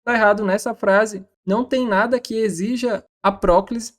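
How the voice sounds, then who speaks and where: A woman's voice: medium pitch, fairly even intonation, moderate pace. A woman with a Brazilian accent walking through exam questions as a Portuguese tutor, reading each question and methodically ruling out the answers. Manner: methodical, reads questions then rules out options. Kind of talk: scripted exam-question walkthrough.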